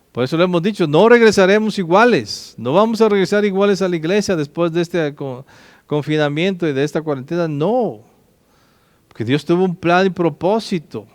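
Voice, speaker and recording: Guy preaching, kinda high voice, keeps asking the listener stuff, dry sound. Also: dry recording. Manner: exhorting with direct questions to listeners. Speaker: pastor. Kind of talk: sermon.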